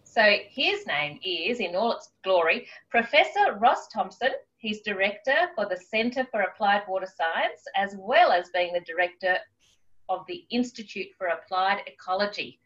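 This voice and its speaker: A woman's voice: medium pitch, animated, moderate pace, a bit bright, highs cut off. A woman hosting a casual interview in an informal, chatty way. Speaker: interview host.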